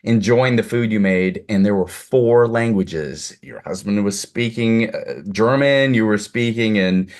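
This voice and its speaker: A man who is a host and producer runs a casual interview over a video call, gushing with compliments for his guest. His darkish voice is on the low side, and he talks a little slowly with few pauses.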